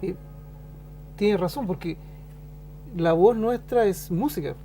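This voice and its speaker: A middle-aged man with a Chilean accent, a teacher chatting on a talk show, thoughtful and pausing often. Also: high voice, warm tone, soft background music. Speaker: show host and school teacher. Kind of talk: casual conversation on a talk show.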